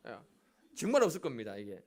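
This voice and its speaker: A man's voice: medium pitch, fast. A middle-aged male pastor preaching a sermon in a church, telling a story with asides to the congregation. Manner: animated storytelling with audience asides. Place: church sanctuary.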